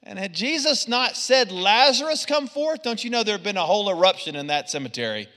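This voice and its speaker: A man preaching a lively sermon, swinging from loud punches to quiet asides. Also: high voice, fast talker, long reverb tail. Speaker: pastor.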